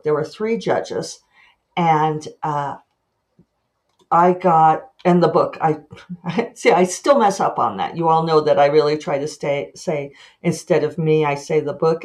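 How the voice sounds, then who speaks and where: On her own podcast, this woman, who is also an author, chats away in a loose, animated monologue. She laughs at herself, slips in fast asides, and lets her pitch leap as she plays out what she was thinking.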